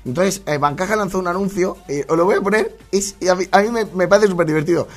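A man's voice: sits high, fast. A man with a Spain Spanish accent chatting casually to followers, laughing often and mimicking voices. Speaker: host.

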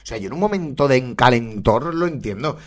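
A man's voice: mid-range voice, lively intonation, brisk, heavy background noise. A man from Valencia, hosting and reacting to clips with casual, colloquial, joking commentary, often laughing. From Valencia, Spain. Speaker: podcast host reacting to clips.

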